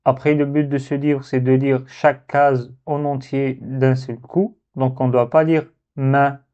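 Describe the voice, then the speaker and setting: A man's voice: mid-range voice, level tone, unhurried, a little mellow. A man teaching a recorded reading lesson, patiently stretching and repeating syllables for learners. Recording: slightly dull lo-fi recording.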